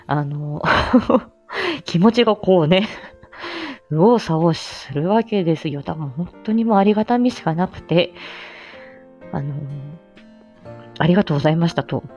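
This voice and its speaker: On the low side and a little mellow, a woman's voice addresses listeners casually as a livestream host. She's an amateur voice actor who comes across effusive and humble, often slipping into small laughs.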